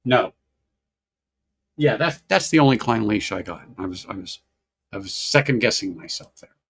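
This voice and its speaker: A man with a gravelly, creaky voice hosts a laid-back whiskey livestream, rambling loosely, doubling back on phrases and greeting chat viewers by name. His voice is lowish, animated and fairly bright, at a moderate pace.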